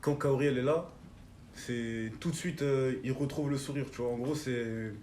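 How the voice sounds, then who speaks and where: A man's voice: medium pitch, normal speed, darkish tone. Young guy guest rambling about an anime, roomy echo, faint hiss in the back. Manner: slangy storytelling with constant "tu vois". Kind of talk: casual chat about anime.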